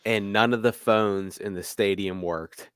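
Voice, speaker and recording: A man co-hosting a sports podcast, telling a story in animated casual chat with plenty of swearing. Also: fairly low pitch, unhurried, clear, resonant tone, no room sound, studio quality. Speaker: podcast co-host.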